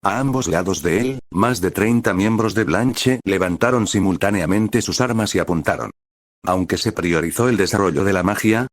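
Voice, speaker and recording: A man reading a story as narrator in an even, steady way. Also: sits low, no echo, studio quality.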